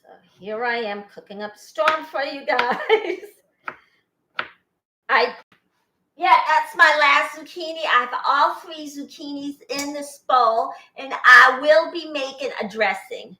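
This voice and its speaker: An older woman hosts her own cooking vlog from a home kitchen, chatting along at an unhurried pace. Her voice is bright and fairly high, and the kitchen gives it a roomy, echoey sound. She rambles and laughs easily. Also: slight background noise. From born in Boston, Armenian family. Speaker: cooking channel host. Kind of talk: casual cooking vlog chat.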